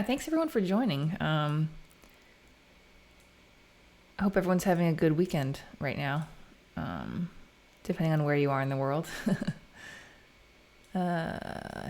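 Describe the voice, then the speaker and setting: This woman's voice sits low and a little mellow, with a faint hiss or hum in the audio. She's American, coding on a live stream and casually talking through her thoughts.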